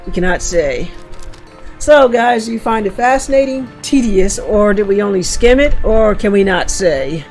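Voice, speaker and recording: A woman's voice: on the high side, moderate pace, hardly any pauses, darkish tone, faint music behind. A woman live-streaming a game, reading its text aloud and chatting casually with her viewers. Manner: casual, talks to chat, many fillers.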